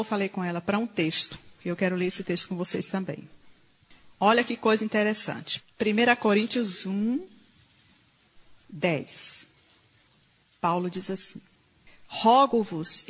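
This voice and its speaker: A woman preacher, delivering a sermon in animated storytelling style and acting out the people she quotes. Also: mid-range voice, husky. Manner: animated storytelling, quoting others in dialogue. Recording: reverberant hall.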